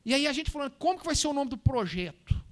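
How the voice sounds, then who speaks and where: A man's voice: extremely high pitch, expressive, quick pace. A man with a Minas Gerais accent, a missionary giving a Sunday school talk with slides, speaking conversationally and often calling the listeners brothers and sisters. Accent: Minas Gerais Brazilian Portuguese. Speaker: missionary presenting to a church.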